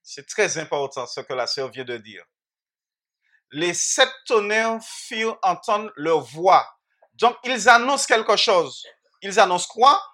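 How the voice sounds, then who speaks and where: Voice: mid-range voice, big pitch swings, slow, pushed and bright. A Bible teacher giving an interactive sermon, who keeps asking the audience questions and repeats phrases with frequent restarts.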